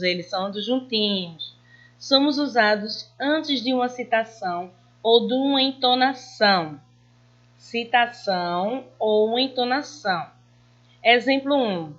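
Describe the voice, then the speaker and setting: Woman, primary school teacher; unhurried, patient, stretches out her examples; slightly muffled recording. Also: medium pitch, sharp tone. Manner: slow, patient, reads examples with drawn-out emphasis. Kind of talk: online lesson for children.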